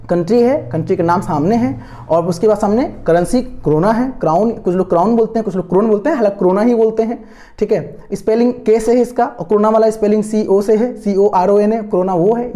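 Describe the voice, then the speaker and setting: A male tutor talks students through memory tricks for an exam-prep lesson, circling back to repeat each key word. His voice is soft and mellow, with no edge to it. He fills gaps with hesitant fillers and keeps gently coaxing students to follow along. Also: high-pitched, a little fast. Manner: coaxing and encouraging toward students. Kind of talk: online lesson explaining memory tricks from slides.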